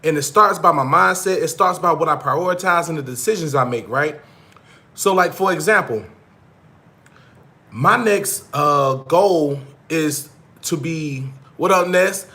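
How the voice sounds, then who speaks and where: A man's voice: fairly high pitch, unhurried, sharp tone. A man in his thirties talking casually to his viewers, blunt and profane, heavy on slang and repeating points for emphasis. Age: 30s. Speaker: vlog host. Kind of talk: casual monologue to live viewers.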